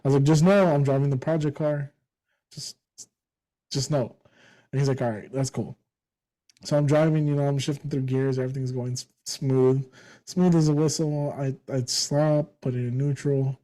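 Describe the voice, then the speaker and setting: A young man co-hosting a podcast, telling stories in a casual, animated way and laughing often. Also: mid-range voice, moderate pace, poor audio. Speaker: podcast co-host. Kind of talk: casual podcast chat and storytelling.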